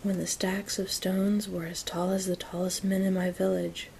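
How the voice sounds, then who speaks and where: Woman whispering a bedtime-style asmr book reading, soft n even, bit of low rumble in the bg. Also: gravelly. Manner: whispering and very soft, gentle unhurried delivery. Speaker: reader of an audiobook-style story.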